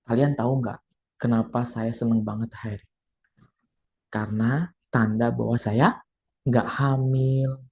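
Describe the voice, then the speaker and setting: A man voicing a frightened young woman pilgrim who speaks slowly and in a hushed, halting way as she confesses. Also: medium pitch, fairly even intonation, highs cut off.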